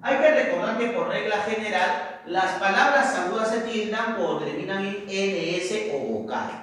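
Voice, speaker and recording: A man's voice: high-pitched, normal speed, a bit bright, distant mic. A male teacher explaining step by step in a recorded lesson, often checking with "¿correcto?". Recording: very echoey room, voice off-mic.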